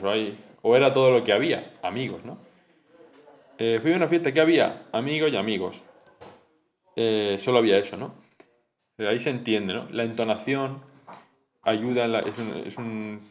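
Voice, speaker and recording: Chatty young man explaining lessons. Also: medium pitch. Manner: chatty, rambling, with frequent fillers and "¿no?" checks. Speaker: student explaining course material. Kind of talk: casual spoken study lesson.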